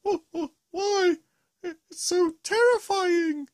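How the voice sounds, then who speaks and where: The host voicing a Gruffalo monster who is scared of mice, speaking high and theatrically. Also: animated, unhurried, a little mellow, no echo, studio quality. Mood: whiny. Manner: squealing, panicky, theatrical.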